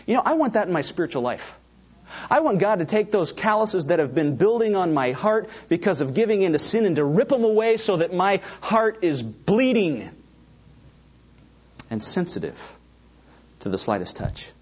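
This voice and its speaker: With a high, husky voice at normal speed, a middle-aged pastor preaches, telling personal stories animatedly and turning to the congregation with asides. The highs in the recording are cut off.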